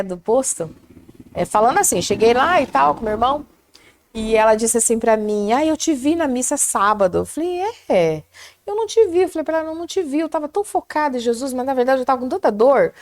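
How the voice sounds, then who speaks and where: A woman's voice: a little high, a little mellow. Fervent Brazilian woman telling her story. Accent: Brazilian Portuguese. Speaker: prayer group guest. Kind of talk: casual testimony chat.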